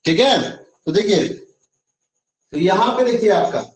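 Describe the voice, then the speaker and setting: A man teaching an online grammar lesson, explaining slowly and repeating himself, often checking that students follow. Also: high-pitched, animated. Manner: slow, repetitive explaining with frequent check-ins. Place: online class. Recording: echoey room, voice from far off.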